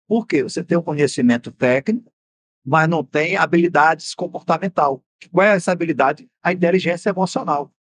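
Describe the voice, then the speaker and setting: A Brazilian man with a Bahian accent, host and mentor of a finance show, teaches from a TV studio, asking rhetorical questions as he explains. His voice is a little high and a bit bright, and he speaks fairly quickly.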